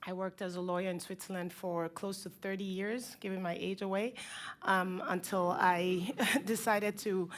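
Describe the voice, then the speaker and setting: A woman in her fifties from Ghana and Cameroon, introducing herself on a panel with halting restarts and light laughter. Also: medium pitch, level tone. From Ghana, raised in Cameroon. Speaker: panelist, e-mobility company leader. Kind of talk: panel discussion.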